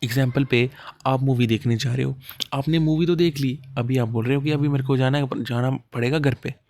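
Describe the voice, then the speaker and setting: A man's voice: medium pitch, fairly even intonation, a little fast, darkish tone. Chatty man teaching idioms. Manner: explains step by step, asks and answers his own questions, acts out little dialogues. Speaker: exam coaching teacher. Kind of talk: casual classroom explanation of idioms.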